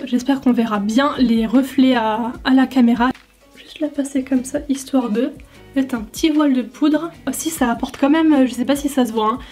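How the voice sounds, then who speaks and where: A woman's voice: high-pitched, dark tone. A young French woman chatting casually through a makeup review, thinking aloud with lots of fillers. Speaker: beauty vlogger.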